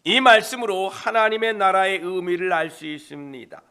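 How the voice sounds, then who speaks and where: A man preaching an early-morning prayer sermon as pastor, slowly expounding and reading scripture aloud. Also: high-pitched, sharp tone, smooth. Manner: slow, deliberate Bible exposition with scripture reading.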